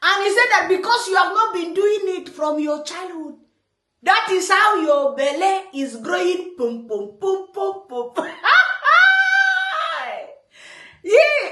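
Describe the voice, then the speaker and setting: A Nigerian woman comments on a clip in a playful, teasing way and keeps breaking into laughter. Her voice sits very high and jumps around a lot. The room gives her voice a noticeable echo. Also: expressive, a little slow, a bit bright. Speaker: online commentator. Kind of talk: reaction commentary. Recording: roomy echo.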